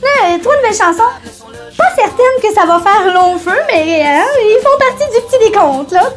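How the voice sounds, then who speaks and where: A woman with a Quebec French accent hosting a campy parody of a local TV show, bubbly, giggly and excitable. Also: very high voice, normal speed, soft background music. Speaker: TV host.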